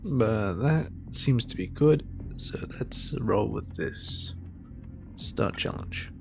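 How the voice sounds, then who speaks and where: A man's voice: fairly low pitch, lively intonation, slow pace, creaky. An Australian man playing a video game, reading its text aloud and tossing in casual, muttered asides, with the game's music behind him. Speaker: gamer playing through a game.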